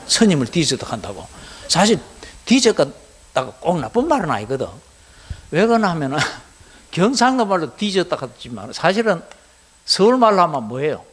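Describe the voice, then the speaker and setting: A middle-aged man with a Gyeongsang Korean accent lectures lay students on Buddhism, his voice high for a man and slightly rough. His pitch swings widely as he keeps firing rhetorical questions at the class, and his delivery stays animated and conversational.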